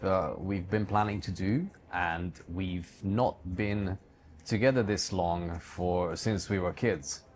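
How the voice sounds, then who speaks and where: Slow and steady, this deep-voiced Hungarian man responds conversationally to interview questions. As the guest, he describes his life and work as a digital entrepreneur heading a book publishing company.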